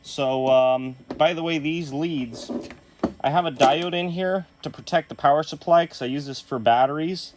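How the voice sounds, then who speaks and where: A man's voice: on the high side, moderate pace, noisy background. A young man casually walking viewers through troubleshooting electronics in his workshop studio, explaining each step as he goes. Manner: shaken and excited at first, then calm explaining. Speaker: electronics repair video host. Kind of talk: casual hands-on demonstration.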